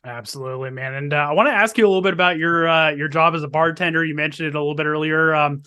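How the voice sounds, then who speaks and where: A man interviewing a fighter, asking quickly and eagerly, tripping over his words. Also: fairly high pitch, sharp tone, smooth. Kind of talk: casual interview questions.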